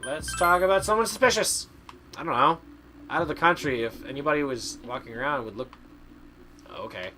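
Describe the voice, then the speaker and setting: A man's voice: a little high, a little fast, sharp tone, a little hiss or hum. A man from Canada doing live game stream commentary, chatting away and playfully arguing with his chat as he reads it aloud.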